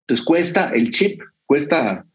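A Costa Rican man with a husky, rather high voice tells travel stories at a slow pace, his pitch rising and falling widely. He is a guest offering advice on whisky travel in a conversational way. He often tacks on small tag questions to make sure the listener is following.

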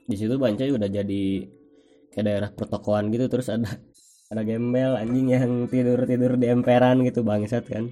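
A young man with a Sundanese accent, telling a personal anecdote in slangy, casual speech full of swearing. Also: mid-range voice. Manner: slangy, swears freely, animated retelling.

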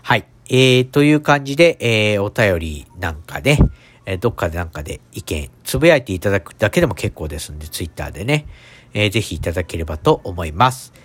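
Nasal, congested man with a lowish voice. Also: very animated, quick pace, a bit bright. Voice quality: nasal, stuffed-up voice. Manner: hesitant, rambling, apologetic. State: congested nose. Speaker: podcast host. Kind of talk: casual solo talk.

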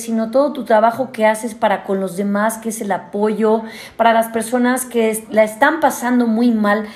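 Mexican lady hosting a live chat, effusive, laughs a lot, kinda high voice. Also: darkish tone. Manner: effusive, gushing, quick to laugh. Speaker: host. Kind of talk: live online chat show.

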